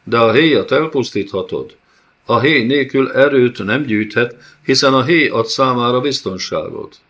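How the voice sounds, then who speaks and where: A man's voice: medium pitch, fairly bright tone, voice pushed up. Man voicing a desperate pleading young woman. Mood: urgent. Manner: urgent, pleading. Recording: dull lo-fi audiobook recording.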